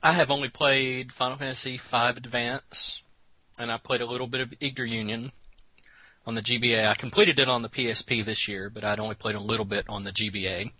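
A man leads a casual podcast chat, loose and rambling with plenty of fillers. His voice is very bright and sharp, recorded close and dry. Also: mid-range voice, flat delivery, fairly quick, husky, dry recording, poor audio. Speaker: podcast host.

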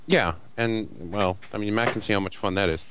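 A man with a fairly low voice talks informally as a games panelist. He explains in a casual, conversational way, over a slightly noisy recording with clicks. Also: fairly even intonation, a little fast. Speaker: panelist on a video game discussion.

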